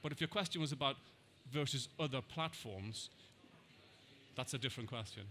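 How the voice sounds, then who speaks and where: Bright-toned Irish man fielding questions. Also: mid-range voice, moderate pace. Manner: hesitant, repeats words, quotes people. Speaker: conference speaker. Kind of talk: answering audience questions.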